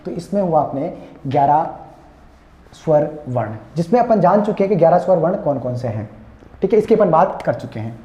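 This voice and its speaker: A man teaching an exam-prep class, explaining each point over and over, calling his students friends and slowly sounding out vowels. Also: a little high, expressive, mellow. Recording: echoey room, dull lo-fi sound.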